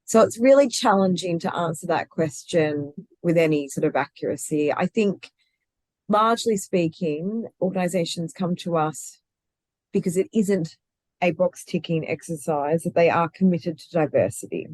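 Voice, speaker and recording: Lowish and darkish in tone, this woman talks at a moderate pace in a dry, echo-free recording. As the guest, a recruitment founder, she speaks with passion in a conversational interview, frequently restarting sentences and quick to laugh.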